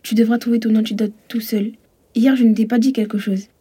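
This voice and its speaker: A woman's voice: a little high, fairly even intonation, fairly quick, warm tone, husky. A dying young woman, whispering. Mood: fading. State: dying, weak. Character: dying young woman Zina, whispering her last words.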